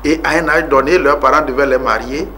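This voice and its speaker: A man's voice: on the high side, steady tone, brisk, bright, forceful tone, slight background noise. A man in his forties from Togo, a politician being interviewed on TV about his life, speaking earnestly with many fillers and rising emphasis. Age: 40s. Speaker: guest politician.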